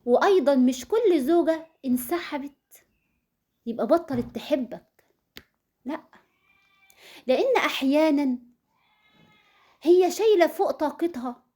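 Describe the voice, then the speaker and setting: A woman's voice: high voice, expressive, a little slow, pauses often, darkish tone. A woman with an Egyptian Arabic accent giving earnest marriage advice, speaking straight to her listeners and repeating words for emphasis. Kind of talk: advice talk to viewers.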